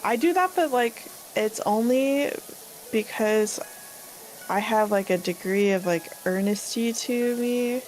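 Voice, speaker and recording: A woman's voice: on the high side, slow, a little mellow, rough recording. A young woman co-streamer chatting casually, earnest and rambling with many filler likes.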